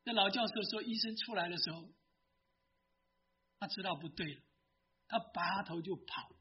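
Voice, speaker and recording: A male preacher telling a story in a sermon, then leading prayer and an altar call, fervent with hushed prayer. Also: high-pitched, moderate pace, breathy edge, dull audio.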